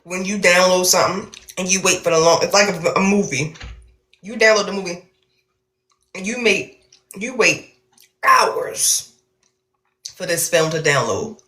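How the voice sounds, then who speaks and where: A woman's voice: lowish voice, moderate pace, a bit bright. A woman, co-hosting a casual podcast in a playful, joking way. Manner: joking, playful, eating while talking. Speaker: podcast co-host. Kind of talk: casual chat. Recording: echoey room with faint noise.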